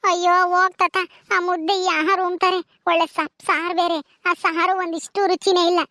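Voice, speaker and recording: Brief: woman as a tearful young wife begging for release, very high whiny voice, dry close sound. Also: level tone, normal speed, pushed and bright, no room sound, heavily acted. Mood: pleading. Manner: pleading, whiny. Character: young jailed daughter-in-law, tearful and pleading.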